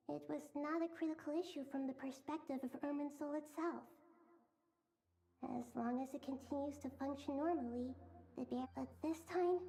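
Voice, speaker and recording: A woman voicing a gentle, earnest child-like goddess of wisdom in a video game, speaking formally and solemnly. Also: high voice, a little hiss or hum. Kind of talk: video game story dialogue.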